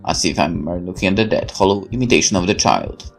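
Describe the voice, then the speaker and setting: Over music, a man with a low, creaky voice reads horror fiction quickly, narrating a visual novel as a gaming host. The dramatic scripted narration is theatrical and intense, with occasional stumbles over words.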